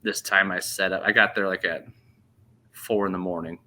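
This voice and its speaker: A man in his thirties casually telling a hunting story on a podcast, animated and laughing as he goes. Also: sits low, moderate pace. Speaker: podcast host.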